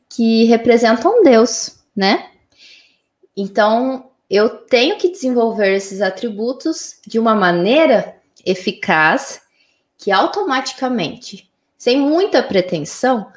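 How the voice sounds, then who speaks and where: A woman, a mother, calmly explaining her views on raising children in casual conversation. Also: a little high, reverberant. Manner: calm, explanatory, frequent "né?".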